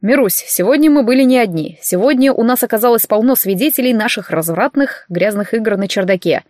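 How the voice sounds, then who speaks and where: A woman's voice: fairly high pitch, expressive, a little fast, darkish tone, no room sound, studio quality, lightly acted. A woman reading the lines of a cocky, teasing young man who jokes smugly. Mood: joking. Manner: teasing, joking, smug.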